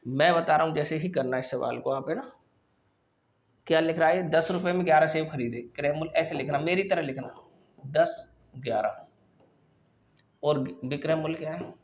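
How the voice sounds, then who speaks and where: A male maths teacher giving a classroom lesson, working through problems step by step and often pausing to check that students follow. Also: on the high side, muffled recording, a little hiss or hum.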